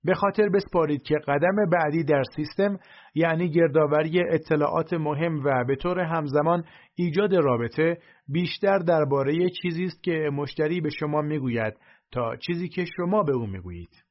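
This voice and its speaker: Male audiobook narrator, dull lo-fi sound. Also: on the high side. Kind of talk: first-person audiobook narration.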